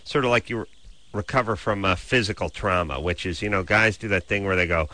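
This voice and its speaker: A man's voice: lowish voice, brisk, sharp tone, no room sound. A man hosting a casual radio call-in show, blunt and teasing with callers. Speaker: radio host.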